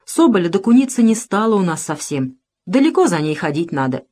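A woman's voice: on the low side, big pitch swings, fairly quick, darkish tone. A woman voicing a meek, poor male peasant hunter speaking humbly. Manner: humble, pleading.

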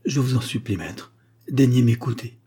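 A man voicing an excitable, loyal male dwarf servant who talks in a breathless, pleading way. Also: medium pitch, normal speed, slightly rough, lightly acted.

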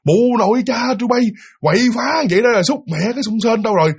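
A man voicing a blunt, hot-tempered village woman who exclaims and scolds loudly. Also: very high-pitched, lively intonation, fast talker, husky, pitched above the performer's own voice, full character voice. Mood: angry cursing.

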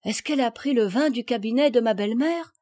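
A woman doing a gentle pleading young girl. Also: fairly quick, dry recording, studio quality, close to an everyday voice. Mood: earnest. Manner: high, earnest, pleading.

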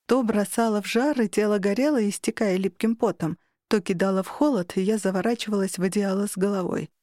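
A young woman reads a novel aloud in the first person. She is emotional and her voice climbs sharply in distressed moments, from a middle pitch. The sound is dry and close to the mic. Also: a little mellow, no room sound. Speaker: audiobook narrator.

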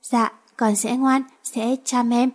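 A woman's voice: fairly high pitch, flat delivery, takes it slowly. A woman reading aloud and voicing a grieving seven-year-old boy who resents his father. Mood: pleading.

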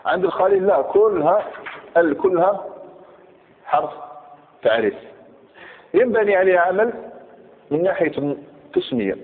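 A man's voice: high-pitched, sing-song, moderate pace, long pauses. A middle-aged man teaching a grammar lesson, repeating key points and checking that his students follow. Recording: tinny lo-fi recording with long hall reverb.

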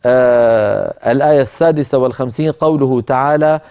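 Measured Arabic lesson, mellow male teacher. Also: medium pitch, clean tone. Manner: measured, explanatory, chants verses slowly. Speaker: Quran recitation teacher. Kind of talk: lecture on a tajweed poem.

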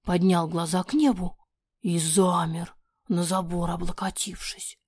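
A woman narrating a fairy-tale audiobook in an expressive voice that often drops to a breathy near-whisper. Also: fairly low pitch, unhurried, dry recording, clean studio sound.

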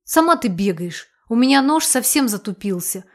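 Lady reading a loud bossy village auntie, kinda high, teasing and scolding, audiobook style. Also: expressive, normal speed. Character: older village woman, blunt, mocking, loud. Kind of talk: audiobook character voice.

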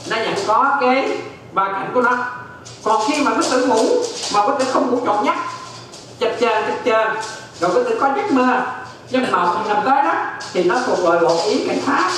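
A male Buddhist monk gives a dharma lecture on Abhidhamma in a high, animated voice, repeating phrases and often checking that listeners follow. The distant mic picks up heavy echo from a very echoey hall, plus a noisy background.

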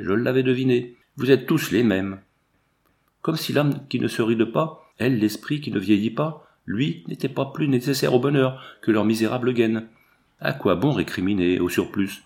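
A man's voice: medium pitch, moderate pace, vocal fry, natural voice. A man reading a witty, teasing young woman. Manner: teasing, lively retorts.

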